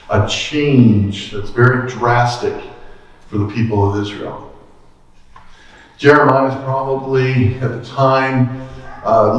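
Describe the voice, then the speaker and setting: A middle-aged man, a pastor, preaching an earnest, measured sermon in a small church, holding a handheld mic. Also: medium pitch. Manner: earnest, measured teaching with occasional restarts. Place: small church sanctuary, indoors. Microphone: handheld mic, filmed from the back of the room. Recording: echoey church from far off.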